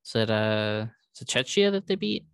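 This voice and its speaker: A man's voice: lowish voice, big pitch swings, moderate pace, vocal fry, a bit bright, clear, resonant tone, dry recording. A man co-hosting a casual sports podcast, talking loosely with plenty of fillers and hedges. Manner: conversational, hedging with fillers. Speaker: podcast co-host.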